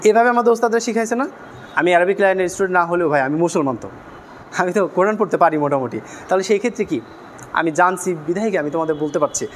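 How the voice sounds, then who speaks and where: A man's voice: high-pitched, animated, rapid-fire, slight background noise. A young man teaching a beginner class in a classroom, quizzing the students with repeated questions. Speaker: English teacher.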